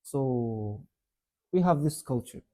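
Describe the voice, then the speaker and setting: A young man of Yemeni origin, raised in Saudi Arabia, talks slowly in a medium-pitched voice as a university-student interview guest. He's relaxed and rambling, sprinkling "like" and "you know" everywhere.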